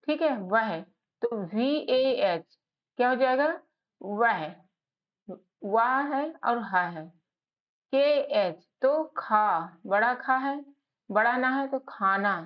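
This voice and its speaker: Slow, patient Hindi-speaking woman teacher. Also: a little high. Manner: patient, repeats each word, asks herself questions. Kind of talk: slow spelling lesson, sounding out letters. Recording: slightly dull lo-fi audio.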